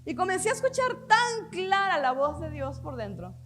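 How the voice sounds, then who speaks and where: A woman pastor preaching a sermon in an earnest way, often letting her phrases fall soft at the end. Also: extremely high pitch, very animated, normal speed, soft background music.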